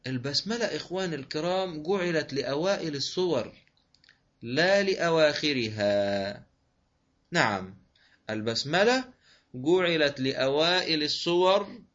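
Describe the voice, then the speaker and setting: A man's voice: fairly high pitch, a bit bright, muffled recording. A man with an Egyptian accent teaching Quran recitation rules in an online lesson, patiently repeating each rule and answering his own questions. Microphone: online voice room.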